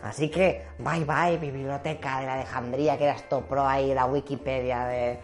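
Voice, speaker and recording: Low-voiced, playful woman from Spain. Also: steady tone, moderate pace, soft background music. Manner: playful, slangy, sprinkles English phrases. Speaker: history vlogger. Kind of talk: comic history storytelling.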